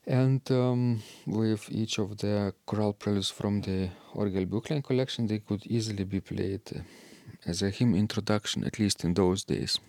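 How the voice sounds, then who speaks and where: A man co-hosting a talk about organ music, speaking slowly and hesitantly with many fillers. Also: lowish voice, darkish tone, dry recording. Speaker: podcast co-host discussing organ music. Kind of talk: casual discussion.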